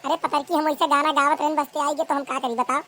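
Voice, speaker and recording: A woman with an Awadhi accent voicing a sharp-tongued young village woman in a cartoon comedy, bickering with pointed questions. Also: high voice, fairly even intonation, fast.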